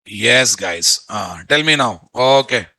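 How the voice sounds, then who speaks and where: Speaking slowly in a lowish, pushed and bright voice with lively intonation, a middle-aged man with a Telugu Indian accent leads a casual online lesson as a software instructor. He's in an indoor room on a video call, blunt in manner, given to repetition and rhetorical questions. The audio is studio quality with no echo.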